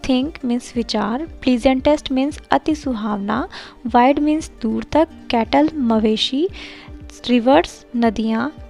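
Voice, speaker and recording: A woman tutor explaining a lesson plan in a calm teaching style, mixing Hindi with English and reading the English lines slowly and carefully. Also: high-pitched, creaky, soft background music. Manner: switches between Hindi and English.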